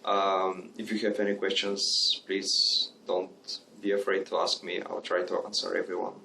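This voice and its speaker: A man explaining a beatbox technique in a casual tutorial, halting with many fillers. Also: deep voice, monotone, vocal fry, bright, forceful tone, a little hiss or hum.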